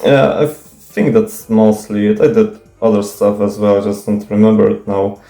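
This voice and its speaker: Low and dark in tone, with fairly even intonation and a moderate pace, a young man who speaks Polish natively answers viewer questions off the cuff. He's hesitant and nervous, stuttering, restarting, using fillers, and swearing casually. An echoey room carries faint music.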